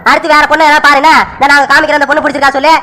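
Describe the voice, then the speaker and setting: A strict, scolding father in a cartoon, played by a woman, firing off orders very quickly. The voice sits very high and sounds bright and forceful. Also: little pitch movement. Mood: stern. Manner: scolding, commanding. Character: stern strict village father. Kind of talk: cartoon voice acting.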